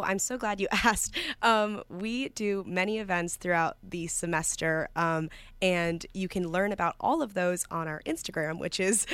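A woman's voice: fairly low pitch, fairly bright tone, clear, resonant tone, no echo. A young woman from New York, a student guest talking earnestly in a casual interview, with many fillers and restarts. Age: young adult.

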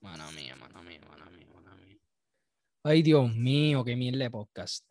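A man's voice: mid-range voice, very animated, normal speed, a little mellow, no room sound. A man with a Puerto Rican Spanish accent hosting a casual podcast, reacting loosely and profanely and laughing often. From Puerto Rico. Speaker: podcast host.

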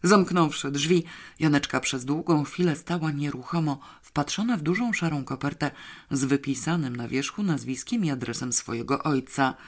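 An audiobook narrator telling a children's adventure with lively, dramatic storytelling. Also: medium pitch, normal speed.

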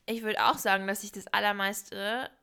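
A woman's voice: medium pitch, fairly even intonation, moderate pace, bright, forceful tone, clear, resonant tone. A young woman co-hosting a casual podcast chat, talkative and sprinkling English words into her speech. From Bavaria, Germany. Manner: chatty, mixes in English words. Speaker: podcast co-host.

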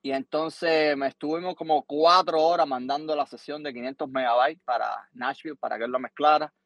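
A man's voice: a little high, fairly quick, no echo. Cuban man telling a story, dry sound. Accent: Cuban Spanish. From Cuba. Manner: animated, repeats words, acts out quotes. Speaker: guest musician. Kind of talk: casual podcast storytelling.

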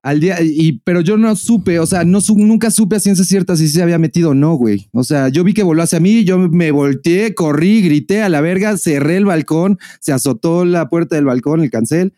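A Mexican-accented man co-hosting a podcast, telling a rambling story with lots of swearing and bursts of laughter. His voice sits a little high but sounds mellow and dark, and it is recorded dry and close with no room sound. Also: normal speed, hardly any pauses, no room sound. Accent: Mexican Spanish. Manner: profane, animated, laughing storyteller. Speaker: podcast co-host. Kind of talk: casual storytelling chat.

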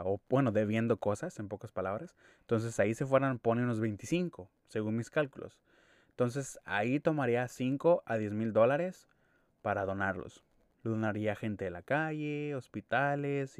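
A man's voice: fairly low pitch, smooth, no room sound, studio quality. A young man with a Mexican accent rambling casually in a monologue, slangy and full of swearing. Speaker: podcast host.

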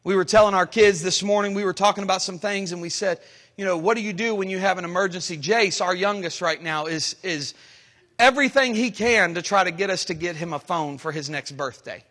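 A pastor in his thirties preaching a sermon, switching between loud shouts and quiet, low asides. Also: brisk. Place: church sanctuary. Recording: long reverb of a church hall.

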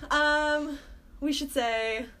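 A woman's voice: high-pitched, fairly even intonation, very slow, bright, forceful tone. A teenage girl chatting as a podcast guest, rambling with fillers and laughing often. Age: high school student. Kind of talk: casual chat.

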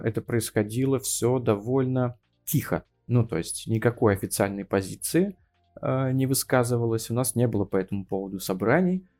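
This is a thirties-aged geography teacher from Russia, chatting informally as a podcast guest. He has a mid-range, somewhat dark voice and comes across as hesitant, leaning heavily on fillers.

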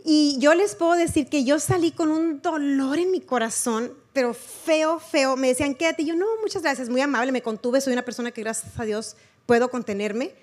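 A woman's voice: sits high, normal speed, a little mellow. A woman preaching a testimony sermon, earnest and conversational, repeating words for emphasis.

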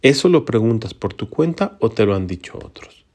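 A man giving voice to a calm, solemn male prisoner in a Gospel reading. His voice sits lowish and steady, and every line is unhurried.

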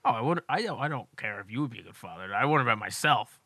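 A man's voice: medium pitch, lively intonation, very fast, pushed and bright, dry recording, studio quality. A young man co-hosting a podcast, chatting casually and telling stories in a loose, joking way. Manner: loose, joking storytelling with laughs. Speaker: podcast co-host. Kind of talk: casual chat.

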